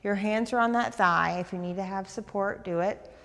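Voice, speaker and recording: A woman leading a guided stretching class, talking fast and eagerly as she gives coaching cues. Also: medium pitch, gravelly, a bit bright, big-room sound. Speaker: fitness instructor.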